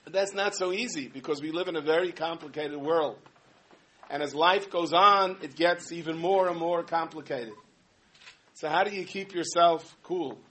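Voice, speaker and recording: A man delivers a humorous sermon. He tells stories in an animated way, full of asides. His voice sits a little higher than most men's. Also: moderate pace. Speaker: rabbi giving a talk.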